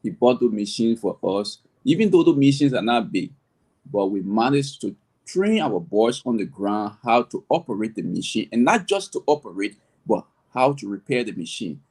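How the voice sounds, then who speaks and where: A middle-aged Liberian farmer and agribusiness owner answers interview questions conversationally in Liberian English. His fairly low, darkish voice swings widely in pitch at a moderate pace as he explains earnestly and at length, often restarting his sentences.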